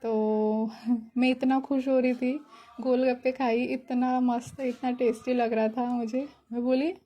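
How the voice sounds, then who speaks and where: A woman's voice: a little high, level tone, measured pace, dark tone, muffled recording. Giggly young woman sharing a devotional story. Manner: chatty, giggly, grateful. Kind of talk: casual spoken testimony.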